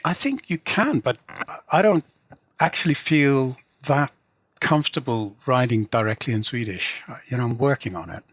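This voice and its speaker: During a casual interview, a middle-aged English man, both novelist and translator, halts repeatedly, restarting and filling gaps with "you know." His medium-pitched voice is expressive and fairly bright. The recording is dry and studio quality.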